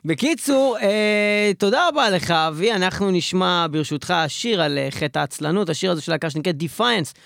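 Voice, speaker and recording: A male radio host speaks in a slightly high, gravelly voice. His replies are curt and deadpan. He is heard close and dry. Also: hardly any pauses, no echo. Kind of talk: comedy radio sketch.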